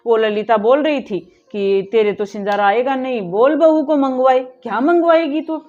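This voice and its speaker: A woman's voice: high voice, moderate pace, darkish tone, close to an everyday voice. A woman playing an aggrieved mother-in-law who complains and scolds in a family drama. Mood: indignant. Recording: dull lo-fi audio with faint music.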